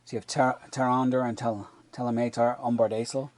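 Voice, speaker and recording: A man's voice: medium pitch, little pitch movement, a little fast, darkish tone, no room sound. A man casually reviewing a roleplaying sourcebook and retelling its lore, rambling, with many restarts and asides.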